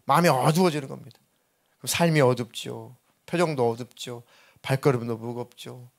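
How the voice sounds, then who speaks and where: A man's voice: medium pitch, normal speed, creaky. A middle-aged man, a senior pastor, preaching an earnest sermon and acting out the voices of the people and spirits he quotes.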